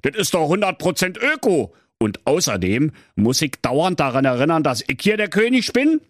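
A man plays a lazy, bored king in a comedic storybook tale, drawling slowly and bossily in coarse speech. The voice sits high with a strange, pinched timbre, recorded dry and close. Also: sing-song, no echo. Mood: blustering bossy. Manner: drawling, crude, bossy.

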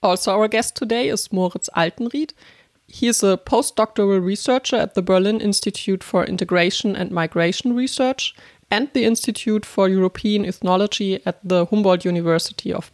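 A woman's voice: mid-range voice, a little mellow, dry recording. Woman co-host reading an intro off a script, dry close sound. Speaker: podcast co-host.

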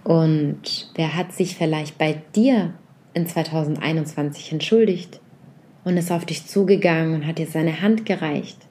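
In a guided reflection meditation, a low-pitched woman speaks softly and without hurry. She addresses the listener directly with a string of gentle questions.

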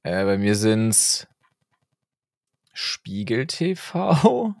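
A man's voice: lowish voice, very animated, very slow, gravelly, a little mellow, no echo, clean studio sound. A man co-hosting a casual podcast, bantering in blunt, teasing, slangy speech. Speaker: podcast co-host.

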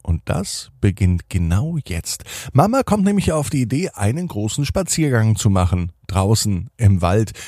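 A man gently narrating a bedtime story and talking straight to children. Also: lowish voice, sing-song, moderate pace, few pauses, no echo, clean studio sound. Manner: gentle, addresses children directly.

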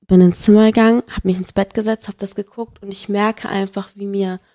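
As a guest in a casual podcast conversation, a young adult woman recounts something painful from her life, emotionally and with animation. She talks a little fast at a medium pitch.

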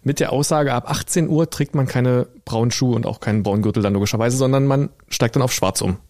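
Man with a German accent, podcast co-host, rapid talker, quick deadpan quips, dry close recording. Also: mid-range voice, no echo. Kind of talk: casual chat.

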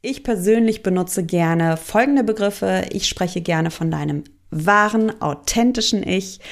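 A woman coach giving a monologue, explaining and addressing the listener directly. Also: on the high side.

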